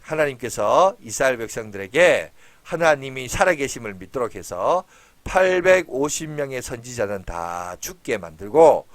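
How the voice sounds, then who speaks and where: Male pastor, children's sermon storyteller, lively pitch that swings high and low, dry close sound. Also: moderate pace, no echo. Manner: animated, asks the children questions.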